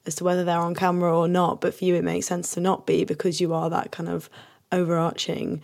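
A woman's voice: fairly low pitch, completely flat delivery, fast talker, a little mellow. A woman co-hosting a casual interview over a video call, chatty and laughing as she agrees.

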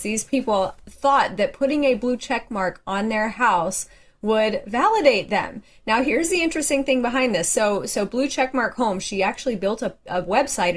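A woman reporting a light news story with amusement and wry remarks. Her delivery is chatty, with small restarts and fillers. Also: mid-range voice. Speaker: West Coast correspondent.

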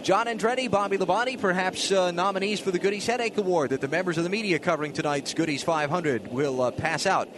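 A man's voice: high-pitched, quick pace, few pauses. Male motorsport commentator anchoring over track noise. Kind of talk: live stock car race commentary. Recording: noisy trackside broadcast. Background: race track engine noise.

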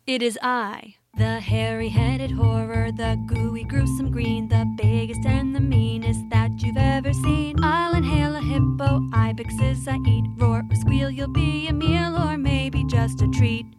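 A woman doing a booming boastful cave monster. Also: fairly even intonation, loud music behind the voice. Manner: slow, chanting rhymes.

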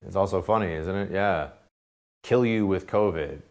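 A man hosting a political talk radio show, delivering sarcastic commentary that swings between loud jabs and quiet asides. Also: sits low, normal speed, slight background noise. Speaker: radio host.

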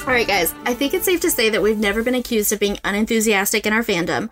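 A young woman co-hosting a casual fan podcast, chatty and quick to laugh, with lots of fillers. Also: medium pitch, loud music behind the voice. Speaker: podcast co-host.

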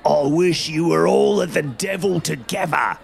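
A man voicing a blustering, angry male goose salesman who shouts threats. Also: a little high, a little slow, gravelly, voice pushed up.

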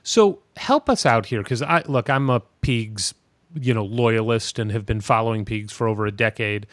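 A man's voice: lowish voice, normal speed, fairly bright tone, no echo. Conversational male podcast host, dry sound. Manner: conversational, long winding questions. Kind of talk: casual podcast interview.

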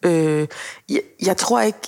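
A woman director talking casually on a podcast, animated, acting out quotes and laughing as she talks. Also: lowish voice, gravelly. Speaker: film director, guest.

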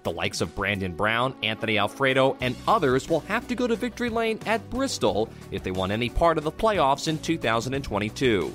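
A man's voice: medium pitch, sing-song, brisk, hardly any pauses, a bit bright, faint music behind. A man reading a scripted motorsport report for radio. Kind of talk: scripted sports narration.

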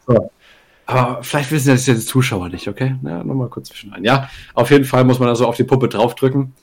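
Young male podcast co-host, rapid storyteller, slangy, giggles mid-line. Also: medium pitch, a little mellow. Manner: rambling, crude slang, laughs mid-sentence, many "ne?" tags. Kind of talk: casual storytelling chat.

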